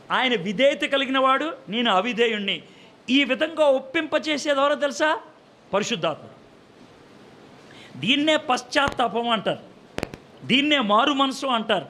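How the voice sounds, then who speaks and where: A man preaches a sermon in a high, sharp voice, asking his listeners questions and answering them himself. He now and then acts out short exchanges with humor. A faint hiss sits under the recording.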